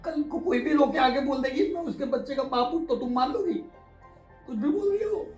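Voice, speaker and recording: A woman voicing a sheepish, lying young husband in a low, hoarse put-on male voice. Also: animated, a little fast, a little mellow, soft background music. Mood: dismissive. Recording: roomy echo.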